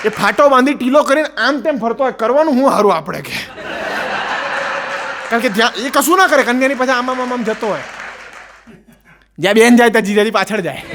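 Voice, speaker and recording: A man with a Gujarati accent doing animated stand-up storytelling, acting out the people in his jokes. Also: very high-pitched, fairly quick, long pauses, big-room sound, crowd noise, noisy background. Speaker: stand-up comedian.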